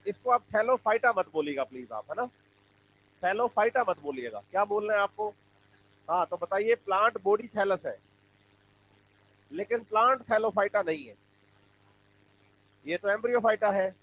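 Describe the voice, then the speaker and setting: Man, high voice, biology teacher, call-and-response drilling, slightly dull recording with faint hum. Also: fairly bright tone. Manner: drills students with repeated questions and answers. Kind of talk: classroom lecture with call-and-response. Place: classroom.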